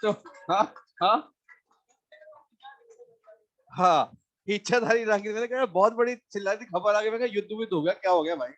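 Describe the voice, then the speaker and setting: A man's voice: high-pitched, normal speed, pauses often, fairly bright tone, highs cut off. A man teaching math in a live class, chatting with students and then working through a problem. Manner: mixes Hindi with English math terms, asks students questions.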